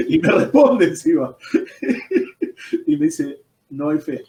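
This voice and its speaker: A man's voice: sits high, big pitch swings, normal speed, vocal fry, warm tone. A man with an Argentine accent, a pastor giving his personal testimony in an interview, telling it as a story and dropping "¿viste?" as he goes. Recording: roomy echo, distant from the mic.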